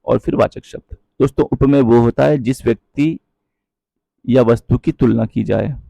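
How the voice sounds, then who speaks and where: A man teaching a Hindi grammar lesson, explaining patiently, checking in with his viewers often and reciting verse lines slowly. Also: mid-range voice, vocal fry, dark tone, dry recording. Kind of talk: online exam-prep lesson.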